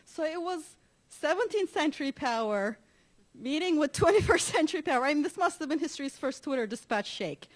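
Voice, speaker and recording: A high-pitched woman from Turkey speaks at a conference. She tells her stories with lively energy, laughing often and restarting her sentences as she goes. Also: brisk. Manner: animated storyteller with frequent laughs and restarts. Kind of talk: conference talk.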